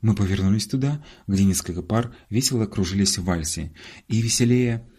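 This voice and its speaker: A man reading an audiobook as narrator, measured and ironic. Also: fairly low pitch, a little mellow, breathy edge. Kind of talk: scripted narration.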